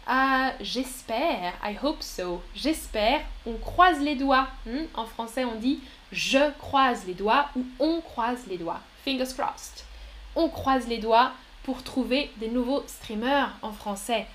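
A woman's voice: on the high side, slow, a bit bright, a little hiss or hum. A woman teaching French on a live stream, patiently explaining grammar with examples and often praising viewers' answers. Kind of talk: live-stream language lesson answering chat.

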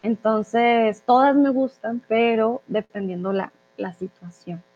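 A woman from Colombia, a language teacher, casually answering viewer questions in a live chat, often pausing on "eh". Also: a little high. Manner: chatty, with frequent "eh" fillers. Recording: thin phone-like audio.

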